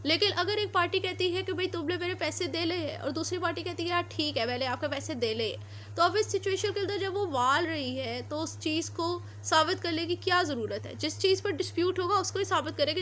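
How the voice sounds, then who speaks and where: A law lecturer with a Pakistani accent and a very high, slightly bright voice gives an explanatory lecture using everyday examples. She speaks informally and fairly quickly, revisits her points, and mixes in English terms, with faint noise behind her.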